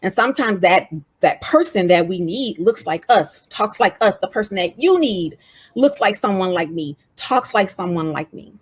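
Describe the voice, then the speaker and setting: A woman with a Southern US accent giving a lively, conversational motivational talk as a DEI speaker and author. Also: medium pitch, normal speed, breathy edge.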